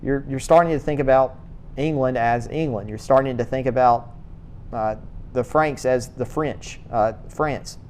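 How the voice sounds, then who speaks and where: A man with a middle-range, darkish voice gives a church history lecture in a classroom, hesitating often, repeating words and filling pauses with uh and um. Behind him there's a faint low rumble.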